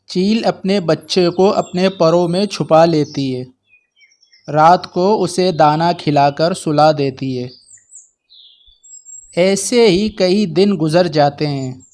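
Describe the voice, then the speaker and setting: In calm, steady narration, a man tells a story from a children's cartoon, unhurried and with a voice fairly high for a man.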